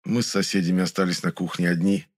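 A man reading a first-person audiobook in an even, matter-of-fact storytelling manner. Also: deep voice, fast talker, no room sound, clean studio sound. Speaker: audiobook narrator.

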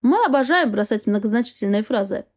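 A wry, offhand man voiced by a woman reading aloud who delivers dry, mocking remarks. His lines are quiet and smirking, with a mellow tone. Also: a little high, lively intonation, brisk.

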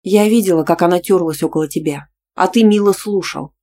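A woman voicing a jealous, hot-tempered young student who snaps back in sharp retorts. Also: on the low side, brisk, a little hiss or hum, close to an everyday voice. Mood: snapping.

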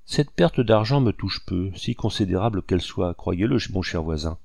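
A courteous older planter voiced by a man talks as an earnest, kindly host. The voice is very deep and gravelly, dark in tone. The audiobook recording is dry. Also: expressive, normal speed, no echo, exaggerated voice. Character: older male colonial planter, kind and worried host.

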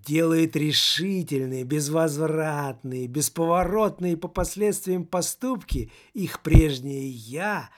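A man voicing a frightened teenage boy who talks slowly and strangely, in an audiobook reading. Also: on the high side. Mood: eerie.

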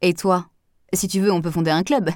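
A blunt, defensive man answers in short, guarded lines, read by a woman narrator. The voice is low and dry, with no room sound around it. It is a storybook reading of a man's part. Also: steady tone, fairly quick, darkish tone, no echo, natural voice.

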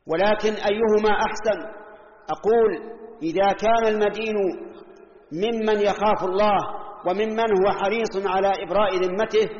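Brief: older male preacher, steady teaching sermon, lo-fi recording in a reverberant mosque. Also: high-pitched. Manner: measured, explanatory, uses worked examples. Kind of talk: Friday sermon. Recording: echoey hall, lo-fi old recording.

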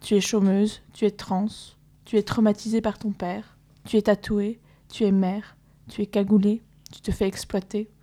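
Laughing woman, brisk list reading. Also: medium pitch, level tone, mellow. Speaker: activist guest on community radio. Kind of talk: casual radio chat and reading a text aloud.

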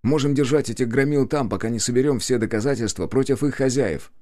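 A man voicing a hoarse, talkative young male journalist with a wry, friendly way of talking, pitched well above his own voice. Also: fast talker, darkish tone, lightly acted. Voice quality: hoarse, strained higher voice.

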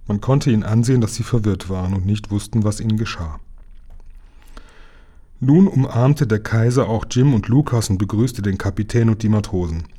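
A man reading a children's book aloud in a calm, measured storytelling manner. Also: fairly low pitch. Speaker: reader.

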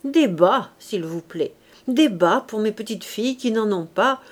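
A woman voicing a harsh, scolding innkeeper's wife in an audiobook, loud and sharp. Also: medium pitch, expressive, measured pace. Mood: curt, scornful.

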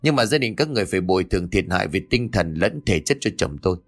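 A man's voice: sits low, animated, fast. A man voicing a spiteful middle-aged village woman who sneers and scolds. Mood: spiteful scolding.

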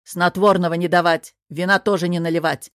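A woman's voice: lowish voice, fairly quick, dry recording, studio quality, natural voice. Woman voicing a cool mocking governor. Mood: calm commanding. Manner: calm, sarcastic.

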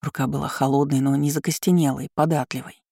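An audiobook narrator giving a scripted, even, measured reading of a fantasy story. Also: mid-range voice, vocal fry, husky, no echo, clean studio sound.

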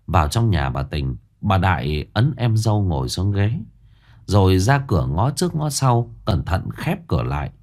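A man narrating a ghost story in a lively, expressive reading. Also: deep voice, normal speed.

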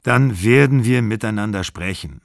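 Man reading calm older man, measured, reassuring, low voice, dry. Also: vocal fry, no room sound.

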